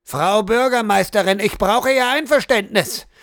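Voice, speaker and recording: A man's voice: high-pitched, measured pace, fairly bright tone, no room sound, studio quality, pitched above the performer's own voice. A man voicing a brutal male guard captain who barks orders and accusations in a harsh, commanding way. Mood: aggressive.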